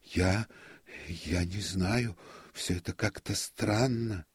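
A man's voice: deep voice, fairly even intonation, takes it slowly, husky, no room sound, studio quality, pitched above the performer's own voice, exaggerated voice. A man voicing a timid, poor young technician who hesitates and stammers. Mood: flustered.

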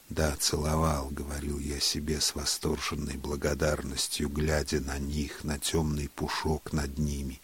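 A man reading a literary story aloud in a hushed, unhurried way, at times sinking to a whisper. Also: very deep voice, husky. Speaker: narrator.

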